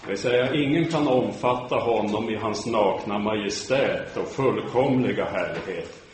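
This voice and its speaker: A man giving a sermon lecture in a measured, solemn way, sometimes restarting words. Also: lowish voice. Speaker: preacher giving a talk. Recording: very echoey room, faint background noise.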